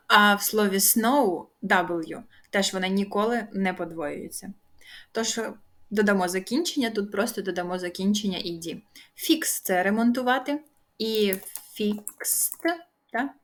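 A woman's voice: medium pitch, fairly bright tone. A young woman teaching English grammar in a patient, encouraging way, drawing out the example words. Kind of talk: explaining grammar rules.

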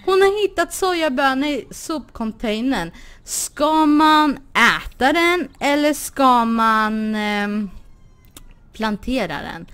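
A woman's voice: a little high, fairly bright tone. Chatty woman commenting on a life-sim game. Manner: chatty, exclaims and laughs, talks to her sims. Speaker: gaming channel host. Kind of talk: casual Let's Play commentary.

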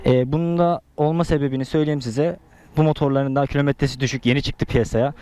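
A man's voice: mid-range voice, steady tone, quick pace, darkish tone. A young man chatting casually as a motorcycle vlogger, slangy and teasing, talking from inside a helmet. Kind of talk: casual motovlog chat and commentary.

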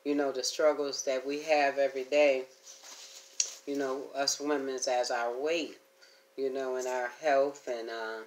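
A woman's voice: very deep voice, little pitch movement, a little slow, slight background noise. Middle-aged woman chatting between bites. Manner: rambling and homey, drifting between topics; talks between bites, with chewing hums. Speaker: vlogger. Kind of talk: casual eating chat to camera.

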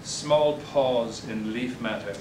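An older male poet gives an indoor bookstore reading from a podium, halting hesitantly between poems and chatting in asides. He is recorded at a distance on a camera mic, so there is echo and a background rumble.

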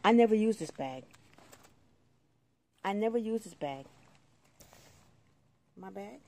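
A woman's voice: medium pitch, lively intonation, takes it slowly, mellow. A middle-aged woman, delivering an angry, profane rant to camera and repeating herself for emphasis. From New York City. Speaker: vlogger.

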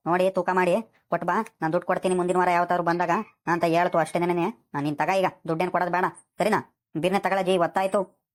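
Cartoon fish seller, man in a rush; a woman plays him, quick, lowish, pleading delivery. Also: little pitch movement, lightly acted. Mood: hurried. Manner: rushed, pleading, fast-talking. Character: hurried male village fish seller, easygoing. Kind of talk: animated village comedy voice acting.

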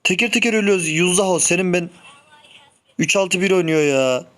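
A young gaming streamer with a high voice comments on his own gameplay at a slightly fast clip. When things go wrong he gets frustrated, grumbling, swearing, and shouting sharply.

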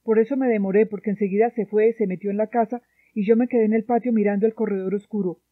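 A woman reading the part of a young male soldier haunted by a killing, in a quiet, halting confession, heard through a dry, tinny phone-like sound. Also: mid-range voice, dry recording, natural voice.

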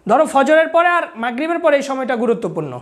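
A high-pitched young woman teaches Quran reading, sounding out each Arabic letter and vowel slowly and clearly. She pauses between syllables and gives patient instructions to her students. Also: big pitch swings.

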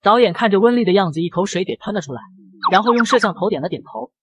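A voice narrating a manga recap story in brisk, lively storytelling that folds in the quoted dialogue. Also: medium pitch, a little hiss or hum.

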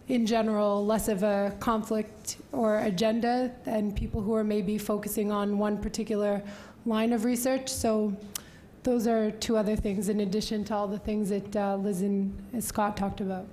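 A woman's voice: mid-range voice, a little mellow. A young woman speaking as a journalist on a panel, conversational with frequent fillers, at a table microphone in a wood-panelled hall. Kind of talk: panel discussion remarks.

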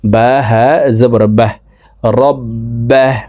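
A man's voice: mid-range voice, steady tone, moderate pace, warm tone. A man teaching Quran reading, patiently spelling out each Arabic letter and vowel mark in a Bangladeshi Bengali accent. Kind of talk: spelling-out recitation lesson.

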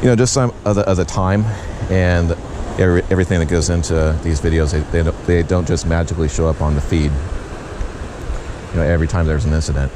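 Male host, deep voice, rambling on-scene narration, outdoor camera audio with clear wind noise. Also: fast. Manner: relaxed, rambling with many fillers and restarts. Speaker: news videographer and show host. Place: outdoors on a windy beach bluff. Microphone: handheld action camera.

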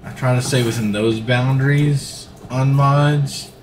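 Seated in a gaming seat at home, a middle-aged man plays a farming game on a livestream, rambling casually as he goes. His mid-range voice is fairly even in intonation and measured in pace, and slight background noise can be heard.

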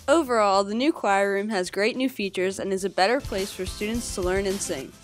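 A woman's voice: mid-range voice, brisk, soft background music. Student woman reading news voice-over. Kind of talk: scripted narration.

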